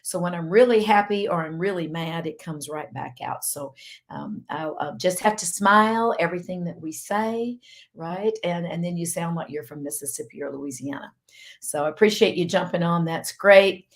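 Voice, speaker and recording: Chatty middle-aged woman doctor, light Southern accent, lowish voice, loose live-stream delivery. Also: normal speed. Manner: chatty, rambling, laughs easily. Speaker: physician hosting a live online health session. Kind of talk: casual live-stream chat.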